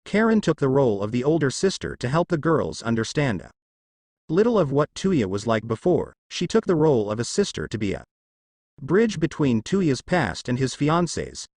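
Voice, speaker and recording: A man reading a fan fiction story aloud, voicing every character in the same steady narrating voice, tag lines included. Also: medium pitch, normal speed, no echo, clean studio sound.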